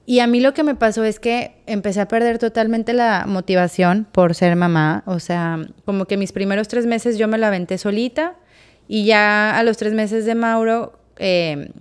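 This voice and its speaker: A woman's voice: mid-range voice, steady tone, moderate pace, clear, resonant tone. A woman with a Mexican accent, co-hosting a podcast and frankly telling a personal story in a reflective, candid way. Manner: frank, reflective, full of fillers like o sea. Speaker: podcast co-host.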